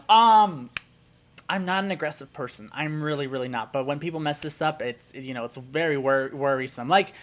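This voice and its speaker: A man's voice: a little high, fairly bright tone. A man in a casual video lesson, teasing his viewers about getting one word wrong. He sounds playfully exasperated, leaning hard on each repetition of the word. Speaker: vlogger teaching German pronunciation. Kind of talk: casual comedic lesson to camera.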